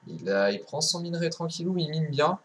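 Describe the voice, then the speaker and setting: A man's voice: fairly high pitch, very animated, fairly quick, fairly bright tone. Young male gamer commentator, loose rambling delivery with fillers, faint hiss behind. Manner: rambling, many fillers and restarts, swears casually. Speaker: gameplay commentator. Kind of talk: casual game commentary.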